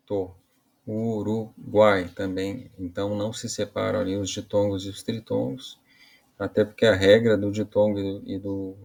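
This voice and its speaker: Male teacher, gravelly low voice, casual lesson delivery with frequent restarts. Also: a little mellow. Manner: casual explaining with frequent "né" and "tá" tags; halting restarts while explaining. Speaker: Portuguese teacher. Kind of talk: online grammar lesson.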